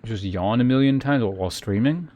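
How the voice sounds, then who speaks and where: A live streamer playing a video game offers casual commentary, musing slowly and hesitantly while reading the game's text aloud. His voice is medium-pitched, and the sound quality is lo-fi.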